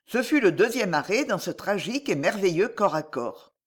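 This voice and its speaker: An audiobook narrator reads a swashbuckling novel with dramatic expression. The pitch moves widely, rising and falling with each turn of the action. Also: big pitch swings, normal speed, slightly rough.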